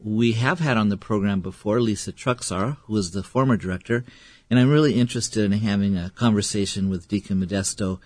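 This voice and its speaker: A man, a priest, hosting a radio talk show in a measured, attentive way. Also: fairly low pitch, no echo.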